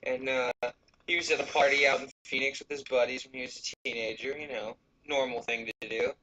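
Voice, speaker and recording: A man's voice: medium pitch, steady tone, brisk, sharp tone, highs cut off. A man telling stories in casual chat, in a rambling, crude, slangy stoner manner. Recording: noticeable background noise.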